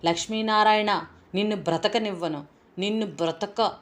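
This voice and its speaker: A grief-stricken young man swearing vengeance in an audiobook of a novel, as a woman reads him. He speaks with a vehement, anguished edge, and the voice sits fairly low. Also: measured pace, natural voice. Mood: raging.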